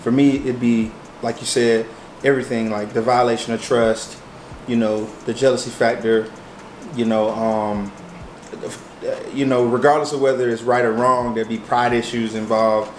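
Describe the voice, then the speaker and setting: Man, American accent, medium pitch, casual halting chat, thinking aloud, echoey room, faint noise. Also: level tone. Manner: hesitant, thinking aloud, hedging with frequent checks. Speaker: co-host of a mukbang chat show. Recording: roomy echo, faint background noise.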